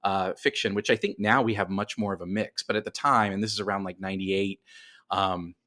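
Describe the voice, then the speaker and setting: An American man in his forties, appearing as an interview guest, tells stories in a casual, rambling, self-deprecating way. His voice sits low and sounds bright and forceful, though his delivery is flat and brisk.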